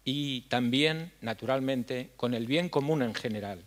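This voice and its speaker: Older man speaking earnestly, halting. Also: medium pitch. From La Mancha, Spain. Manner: earnest, halting with frequent fillers. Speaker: foundation head giving a talk. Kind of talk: conference speech. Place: dark stage in a hall. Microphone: stand mic at a lectern.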